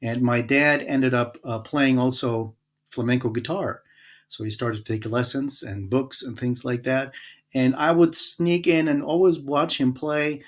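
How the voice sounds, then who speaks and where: Man from Germany, interview guest, casual storytelling, hesitant with fillers, medium pitch. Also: unhurried. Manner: relaxed, hesitant, many fillers. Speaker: guest musician.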